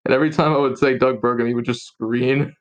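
A man's voice: medium pitch, fairly even intonation, fast talker. Young man joking on a podcast. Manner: joking, laughs often, trails off mid-sentence. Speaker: podcast co-host. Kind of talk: casual chat.

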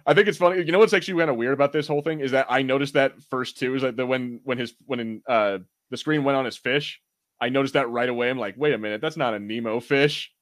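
Talking fast in a medium-pitched voice, a male podcast co-host rambles through an informal episode review. The chat is casual and sometimes sweary.

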